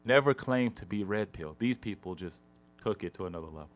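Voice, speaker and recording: A man's voice: deep voice, lively intonation, brisk. A man who is a guest in a casual podcast debate, making wry, explanatory remarks.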